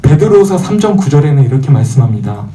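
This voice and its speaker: A young man delivers a Sunday sermon, his voice a little high and mellow in tone. He asks the congregation questions and answers them himself, slipping into the voices of mockers to make his point. The sound comes from some distance in an echoey church hall. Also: fast. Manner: animated, acts out quoted voices of churchgoers and mockers. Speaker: pastor. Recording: echoey room, voice from far off the mic.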